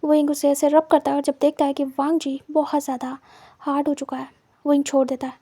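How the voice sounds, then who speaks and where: Female storyteller, high flat mellow voice, dry close sound, plain repetitive narration. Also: brisk, no echo.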